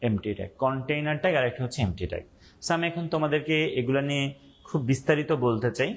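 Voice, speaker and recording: A young man teaching an online class, speaking slowly and deliberately, repeating points and quizzing his students. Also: medium pitch, animated.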